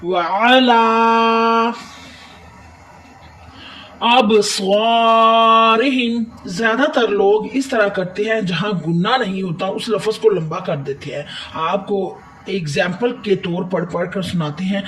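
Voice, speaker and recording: A man with a Pakistani Urdu accent teaching tajweed, explaining each letter and then reciting words slowly and drawn out. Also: high voice, far from the mic. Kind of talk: tajweed lesson with slow recitation.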